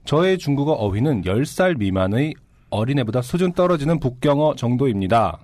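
A man's voice: medium pitch, big pitch swings, brisk, darkish tone, dry recording. A man co-hosting a casual podcast, explaining his views thoughtfully and chuckling often. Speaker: podcast co-host.

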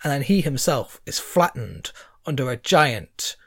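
Animated, unhurried game master narrating. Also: medium pitch, dry recording, studio quality. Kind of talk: narrating a tabletop role-play game.

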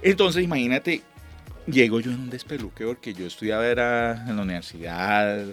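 A middle-aged Colombian man, a lyric singer, telling stories in a chatty, animated way during an interview, acting out the dialogue he recalls. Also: mid-range voice, moderate pace, soft background music. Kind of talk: relaxed storytelling.

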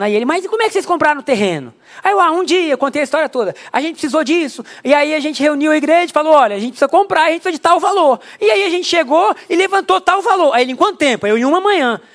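Man, very high voice, pastor, conversational sermon, church, rhetorical asides. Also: lively intonation, racing, fairly bright tone.

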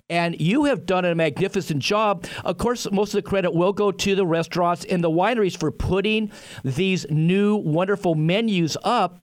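A man hosting a radio show like a grandiose ringmaster, piling up superlatives with drawn-out flourishes. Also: sits high. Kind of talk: ringmaster-style show announcing.

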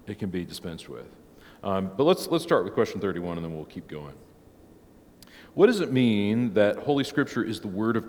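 A man who preaches, teaching a church catechism class in a relaxed, conversational way, heard with a long church echo. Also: fairly low pitch. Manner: conversational, tags many points with "right?". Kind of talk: informal church class teaching, opening with prayer.

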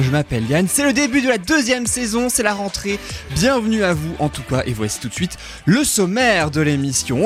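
Chatty male radio music host. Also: sits high. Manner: chatty, lively storytelling with frequent fillers. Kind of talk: radio music show presenting.

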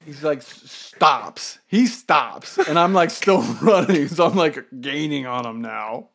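A man co-hosting a casual chat, telling a story in an animated, profane way with bursts of laughter. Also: a little high, slow pace, vocal fry. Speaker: podcast co-host.

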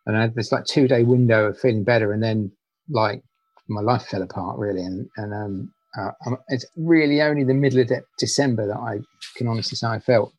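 A man's voice: fairly low pitch, a little mellow, breathy edge, dry recording. A male poet talking in a conversational interview, hesitant, often restarting and repeating words.

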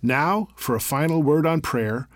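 Priest presenting over music, very dry sound. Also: male voice, a little high, unhurried, dry recording. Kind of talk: scripted radio narration.

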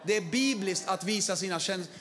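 High-voiced energetic preacher man. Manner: energetic, shouts to rouse the audience, playful slang. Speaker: pastor. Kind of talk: lively sermon to a large crowd.

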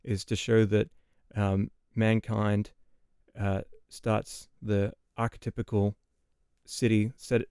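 A man, a guest on a podcast, explaining scripture in a thoughtful, measured way, pausing and restarting as he works through his points. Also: lowish voice, flat delivery, a little mellow, clean tone, no echo, clean studio sound. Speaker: podcast guest, Bible teacher.

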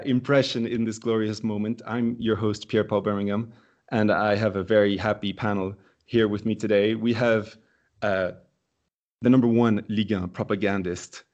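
A man hosting a casual football podcast, playful and quick to laugh. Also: fairly low pitch, a little mellow, highs cut off. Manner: playful, laughs often, drawn-out exclamations. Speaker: podcast host.

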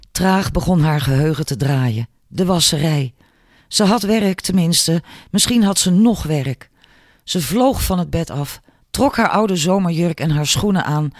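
A man narrates an audiobook in a measured, expressive storytelling manner. His voice sits fairly high for a man. The recording is dry and close, with no room sound. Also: no room sound. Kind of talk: scripted narration.

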